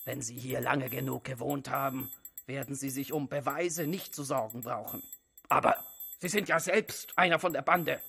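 Suspicious landlord voiced by a man, gravelly, husky, bright tense tone, blunt, audiobook. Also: mid-range voice, steady tone, normal speed, full character voice. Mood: hostile. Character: gruff older male landlord, hostile and suspicious.

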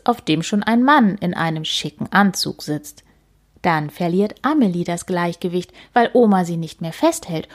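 A woman gently narrating a children's storybook, often near a whisper. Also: medium pitch.

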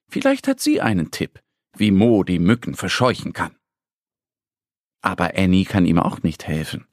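A man narrating a children's story slowly, with a lively, storytelling delivery. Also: medium pitch, no echo, clean studio sound.

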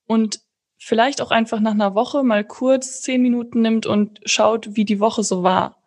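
A woman's voice: on the high side, steady tone, moderate pace, a little mellow. A woman hosting a podcast, talking casually in long, chained thoughts. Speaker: podcast host. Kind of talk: casual conversational podcast talk.

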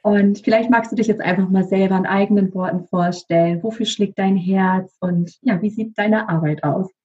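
Woman host gushing about her guest, dark husky voice, kinda muffled lo-fi sound. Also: mid-range voice, fairly even intonation, normal speed, a little hiss or hum. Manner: warm, effusive, grateful. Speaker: interview host. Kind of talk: introducing a guest.

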